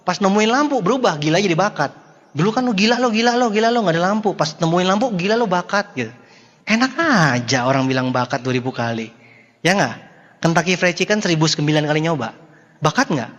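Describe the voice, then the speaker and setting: A man giving a jokey, animated motivational seminar talk, swinging between loud bursts and low murmurs. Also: highs cut off. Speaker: motivational speaker. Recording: long hall reverb.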